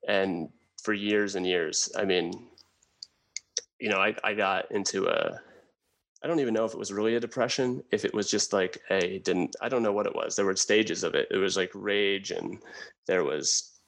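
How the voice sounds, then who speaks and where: Low gravelly man telling his story. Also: poor audio. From New Jersey, USA. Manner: earnest, halting, with frequent restarts. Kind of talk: candid personal storytelling.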